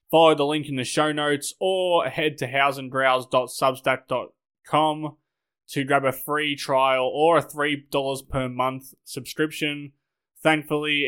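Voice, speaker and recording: A man hosting a podcast with a hoarse, sick voice, talking in an upbeat, wordy way. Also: medium pitch, pushed and bright. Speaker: podcast host. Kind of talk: scripted podcast talk.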